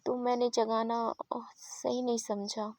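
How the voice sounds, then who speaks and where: A woman voicing a polite female house maid who speaks softly. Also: a little high, level tone, slow.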